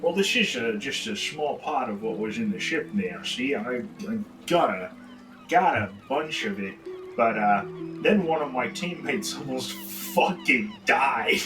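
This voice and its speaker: A man's voice: mid-range voice, lively intonation, brisk, hardly any pauses, distant mic, over music, natural voice, rough recording. A man voicing a brash, swearing male rogue with a wandering put-on accent, rambling as he talks. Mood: boastful. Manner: rambling, profane, laughing through it. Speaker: player. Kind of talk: in-character tabletop role-play.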